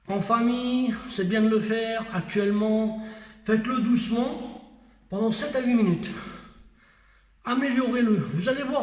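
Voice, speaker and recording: A man's voice: very high voice, darkish tone. A man teaching a boxing lesson. He demonstrates moves while counting punches and often checks that the viewer is following. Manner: repeats "d'accord?" to check understanding. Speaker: boxing coach. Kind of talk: home workout lesson. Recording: echoey room, voice from far off mic.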